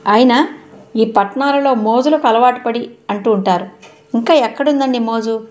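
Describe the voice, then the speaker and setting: A woman reading the part of a witty, playful young wife in a lively tone. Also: on the high side, normal speed, lo-fi sound, lightly acted. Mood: teasing.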